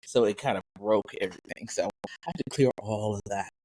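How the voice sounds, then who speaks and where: A woman's voice: rumbling low, fairly quick, breathy edge, no echo, low-quality recording. Chatty woman co-host, dry close sound. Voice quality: animated, rambling storytelling with voiced asides. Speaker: podcast co-host. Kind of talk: casual chat.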